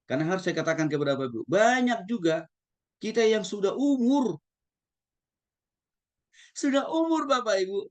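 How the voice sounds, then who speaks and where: A man who is a pastor, lecturing at a Bible school in an animated way and often addressing his listeners directly. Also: high-pitched, normal speed, pauses often. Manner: animated, demonstrates tones of voice, addresses the audience often. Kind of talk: theology lecture.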